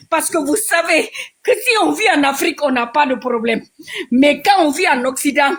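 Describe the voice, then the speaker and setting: A breathless woman calling into a live stream, pleading and ranting in a fired-up, repetitive way. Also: high-pitched. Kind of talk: impassioned live-stream rant.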